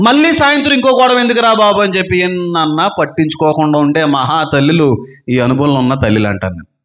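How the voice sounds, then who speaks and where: A man's voice: high voice, a bit bright. A man preaching a sermon as pastor, piling up repeated rhetorical questions.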